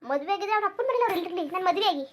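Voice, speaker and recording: A woman's voice: very high voice, animated, racing, a bit bright. A woman voicing a lovesick, clingy young woman in a cartoon, pleading and repeating herself insistently. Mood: desperate. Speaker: cartoon character. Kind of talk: Kannada cartoon voice acting.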